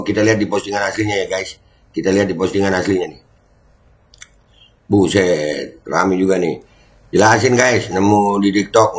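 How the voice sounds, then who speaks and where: Middle-aged guy ranting, sarcastic and jeering, casual commentary. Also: sits low. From Indonesia. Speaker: political commentary vlogger.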